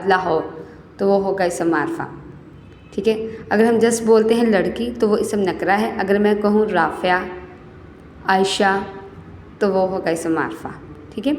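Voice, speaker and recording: A woman's voice: mid-range voice, darkish tone. A young woman teacher talks a class through a lesson in a roomy space with a long, ringing reverb. She explains step by step, drops English words into her sentences, and keeps checking that the students follow. Faint background noise sits under her voice. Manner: reads verse slowly and carefully.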